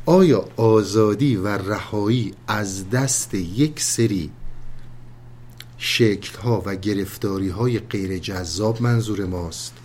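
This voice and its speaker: A man with a fairly low voice gives a calm, unhurried lesson on mystical poetry, retelling tales and reciting verses. He speaks to his listeners with polite, measured care. A faint hiss sits under the recording.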